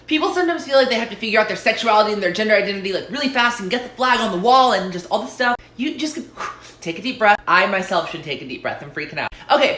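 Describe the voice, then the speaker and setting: A woman's voice: a little high, a bit bright. A young woman giving casual advice in reply to viewer questions, earnest, chatty and direct. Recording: roomy echo.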